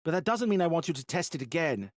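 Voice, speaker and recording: A man's voice: fairly high pitch, sing-song, fast talker, no echo, clean studio sound, pitched above the performer's own voice. Man doing a tense, irritated rover operator. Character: adult man, gruff remote rover operator.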